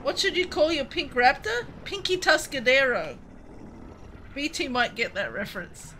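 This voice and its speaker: A woman from Canada in her thirties, streaming a game and chatting casually with viewers, excitable and jumping between topics. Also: high voice, moderate pace, slight background noise. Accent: Western Canadian. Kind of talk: casual livestream chat with viewers.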